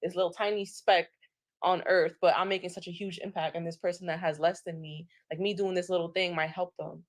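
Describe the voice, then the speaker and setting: A woman in a casual discussion, reflecting lively on her own experiences. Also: lowish voice, a little fast, dry recording. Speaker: podcast guest.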